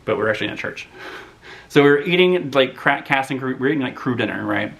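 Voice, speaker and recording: A man in his thirties chatting casually to camera as a movie vlogger, rambling and animated, full of "like". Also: mid-range voice, quick pace, creaky.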